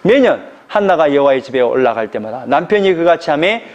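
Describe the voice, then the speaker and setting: A man preaching an expository sermon as pastor, animated, asking the congregation rhetorical questions. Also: fairly high pitch, brisk, dull audio.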